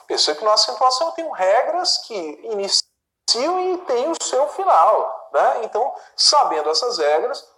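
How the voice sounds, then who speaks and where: Male teacher, slightly high voice, poses a question then answers it, recorded in a roomy space. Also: a bit bright. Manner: asks and answers his own questions, checks in with the listener. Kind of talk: recorded exam-prep lesson. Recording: echoey room.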